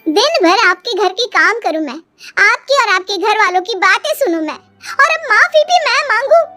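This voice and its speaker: A woman doing a whiny young wife in a cartoon story, forever complaining and making a drama out of small things. The voice is very high. Soft music plays underneath. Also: a little slow, full character voice. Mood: aggrieved.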